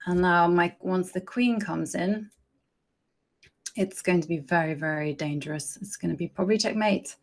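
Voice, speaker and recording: A woman streams her chess games, chatting casually and thinking aloud as she plays in live commentary. Her voice is fairly low pitched and moves at a moderate pace.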